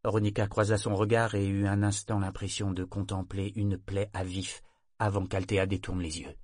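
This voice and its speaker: A man narrating a novel in a measured, even storytelling manner. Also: low-pitched, no echo, clean studio sound. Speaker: audiobook narrator.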